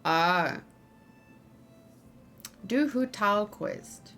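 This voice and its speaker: A let's play host talks her way through a game in casual live commentary, chatting with her audience over soft background music. She speaks at a medium pitch in an animated, slightly bright voice, drawing out her words.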